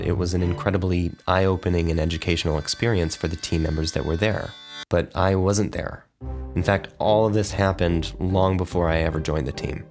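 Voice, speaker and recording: Male podcast host, very deep and easygoing, with music underneath. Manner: easygoing, conversational. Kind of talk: scripted intro narration then casual interview.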